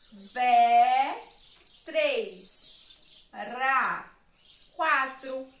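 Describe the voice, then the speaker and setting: A woman's voice: high-pitched, bright, forceful tone, slight background noise. A woman with a Sergipe Brazilian accent teaching a remote lesson to young children, patiently counting and spelling words aloud. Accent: Sergipe Brazilian Portuguese. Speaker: primary school teacher. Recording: echoey room, voice a bit far from the mic.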